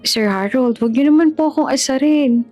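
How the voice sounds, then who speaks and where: A woman's voice: a little high, fairly even intonation, a little fast, mellow, lo-fi sound, faint music behind, lightly acted. Shy polite young maid, real bashful, lady reading her part.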